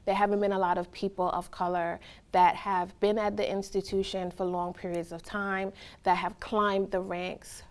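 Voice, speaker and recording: A woman from Trinidad and Tobago giving reflective, earnest answers in a casual interview, often checking in with "right?". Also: fairly low pitch. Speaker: interviewee, college staff.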